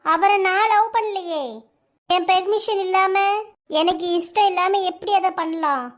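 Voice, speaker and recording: A woman's voice: very high-pitched, steady tone, measured pace. A woman with a Kanyakumari Tamil accent voicing a troubled young woman in a cartoon, speaking hesitantly. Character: young woman Thulasi, upset and evasive friend. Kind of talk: cartoon voice acting.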